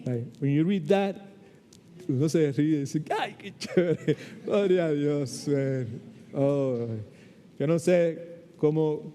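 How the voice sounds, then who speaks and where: A male pastor preaching a sermon in an animated way, often dropping short English phrases into his talk. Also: on the high side. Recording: long hall reverb.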